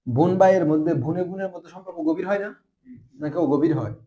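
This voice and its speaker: A man's voice: fairly high pitch, fast talker, mellow. A man teaching a madrasa grammar lesson, quizzing his students with constant rhetorical questions. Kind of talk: classroom Arabic grammar lesson.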